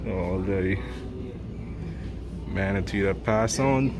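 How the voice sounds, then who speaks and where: A man giving casual, unhurried vlog narration in an informal way, addressing viewers as he shows them around. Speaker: vlogger showing a family attraction. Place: busy public wildlife viewing area. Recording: loud outdoor ambience and vehicle rumble.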